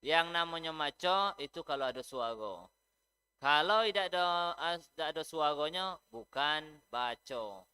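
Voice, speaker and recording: A man teaching a mosque study class. His voice is bright and resonant. He talks in a lively way and acts out the back-and-forth of correcting a pupil's reading. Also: a little high, clean tone. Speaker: religious teacher.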